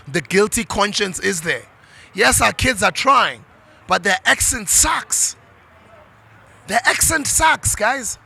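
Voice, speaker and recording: Addressing parents, this South African motivational speaker in middle age preaches with passion and slips into isiZulu. His voice is high, creaky, pushed and bright.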